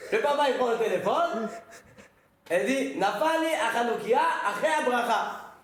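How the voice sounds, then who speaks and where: High-voiced rabbi in an echoey room. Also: male voice, animated, moderate pace, fairly bright tone. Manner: conversational storytelling, questions the audience. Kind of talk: informal religious lesson with personal anecdotes.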